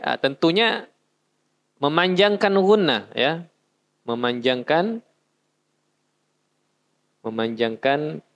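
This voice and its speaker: A man teaching a class how to recite, explaining patiently and chanting short verses as examples. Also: a little high. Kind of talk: recitation lesson. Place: mosque.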